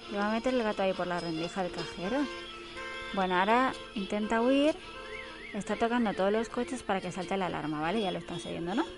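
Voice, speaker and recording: Chatty woman commenting on a film. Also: mid-range voice. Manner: chatty, exclaiming, playful asides. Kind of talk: casual commentary while watching a film.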